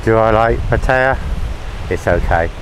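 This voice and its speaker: A man giving a relaxed, chatty running commentary while he walks outdoors along a beach promenade, filming his own travel vlog. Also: on the low side, measured pace, poor audio. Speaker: travel vlogger. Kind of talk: walk-and-talk travel vlog. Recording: wind and outdoor noise on the mic. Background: sea, wind and passing traffic.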